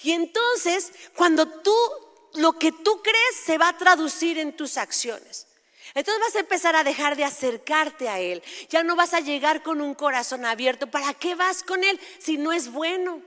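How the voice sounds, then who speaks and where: A woman in her forties preaching a sermon in an animated, conversational way, with playful asides and quick self-corrections. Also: high voice. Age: 40s. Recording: hall reverb.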